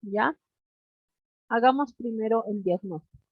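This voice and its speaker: A woman teacher leads an online class in a slow, measured way, stopping often to check that her students follow. Her voice sits fairly high for a woman. The call audio is dull and lo-fi, with a dry, close sound. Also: dry recording. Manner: checks in with students constantly, deliberate. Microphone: video call.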